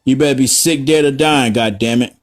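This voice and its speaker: A man's voice: medium pitch, fairly quick. Rambling, foul-mouthed man teaching coloring. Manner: rambling, profane, joking asides. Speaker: art tutorial host. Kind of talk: casual drawing tutorial.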